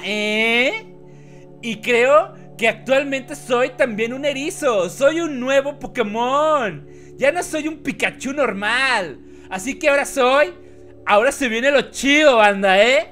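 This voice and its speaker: A man voicing Sonichu, a cocky male electric hedgehog hero, in a gruff, exaggerated macho tone. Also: extremely high pitch, fairly bright tone, voice pushed up.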